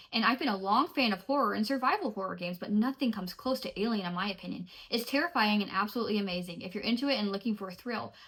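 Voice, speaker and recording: Chatty young woman vlogging. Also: medium pitch. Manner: chatty, animated, playful. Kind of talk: casual vlog talk.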